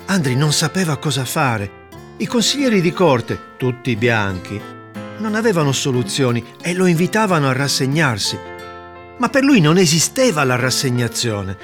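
Guy telling a fairy tale, lively up-and-down voice, guitar music under it. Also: a little high, normal speed. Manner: expressive, lilting storytelling. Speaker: narrator. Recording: narration over guitar music.

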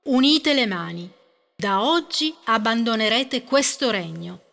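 A woman's voice: fairly high pitch, lively intonation, measured pace, creaky, a bit bright, full character voice. A woman voicing a stern female fairy of peace who scolds and commands the quarrelling colors in a storybook tale.

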